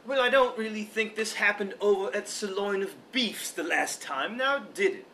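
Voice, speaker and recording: A man's voice: high-pitched, moderate pace, sharp tone, a little hiss or hum. A man playing an irritable, haughty duke who complains his way through a period comedy sketch. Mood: irritated.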